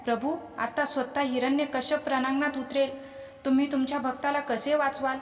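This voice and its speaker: A woman's voice: high voice, flat delivery, normal speed, lightly acted. A woman voicing a worried goddess pleading with her lord, in an echoey space with a long reverb. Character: worried goddess, the god's consort.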